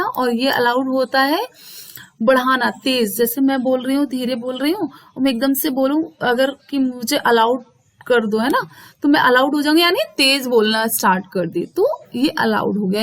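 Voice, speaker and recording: High-voiced woman teacher. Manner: mixes Hindi and English, reads English definitions slowly. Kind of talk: explaining a school English lesson.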